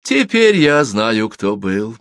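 A man voicing a menacing middle-aged gang boss who talks slowly and threateningly in an audiobook. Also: medium pitch, sing-song, vocal fry, no echo, studio quality, pitched above the performer's own voice, exaggerated voice.

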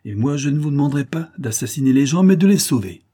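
A proud, commanding young avenger who issues orders with lofty dignity, played by a male narrator in a raised, forceful, loud voice. The husky grain of the reader stays under the performance of this storybook hero. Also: medium pitch, a little fast, pitched above the performer's own voice. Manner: imperious, authoritative.

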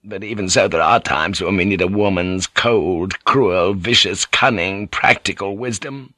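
A man gives full character voice to an old warlord in an audiobook, a shrewd, gruff figure who speaks bluntly, testily and wearily. His low voice is bright and forceful, a little slow, captured as a dry recording with clean studio sound.

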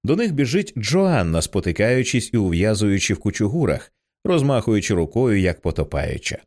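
Low-voiced man reading dramatically. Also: very animated, moderate pace, darkish tone. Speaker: audiobook reader. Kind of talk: scripted narration of a screenplay.

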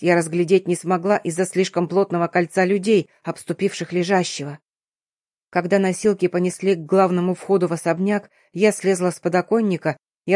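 Woman narrator, first-person audiobook, measured, dry close-miked. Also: fairly low pitch, darkish tone, dry recording.

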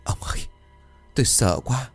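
A man's voice: normal speed, soft background music, close to an everyday voice. A man voicing a frightened elderly village wife who stammers as she tells her husband what she saw. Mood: terrified. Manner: stammering, terrified.

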